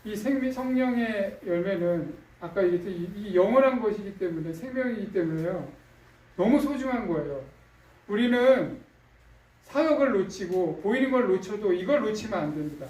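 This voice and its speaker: A man's voice: sits high, expressive, normal speed, darkish tone. A male pastor preaching a sermon in a conversational way, with fillers and questions to the congregation. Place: church sanctuary. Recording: echoey room, distant mic.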